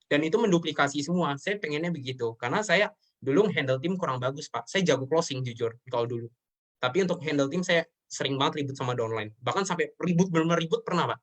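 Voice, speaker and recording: A man's voice: on the high side, animated, quick pace. A man in his twenties talking earnestly and emotionally as an interview guest, often addressing the host as sir. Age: 20s. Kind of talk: earnest personal talk in an interview.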